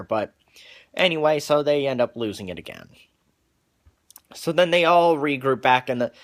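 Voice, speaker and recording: A man talking casually through the plot of a cartoon episode in his own everyday voice, pitched in a middle range. He stops and restarts often, doubling words before pushing on with the story. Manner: halting, with frequent restarts and repeated words; wears glasses on camera.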